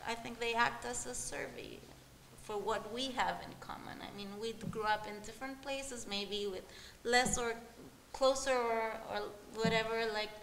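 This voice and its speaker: A young woman from Chile talks loosely on a panel, circling her point with fillers and restarts. Her voice is bright and a touch gravelly, and it sits a little high. The table mic picks up the echo of a roomy gallery. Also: steady tone, normal speed. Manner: rambling, many "like" fillers and restarts. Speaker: panelist artist. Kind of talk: casual panel talk. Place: large gallery room with audience. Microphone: table mic on stand. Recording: echoey gallery room, faint noise.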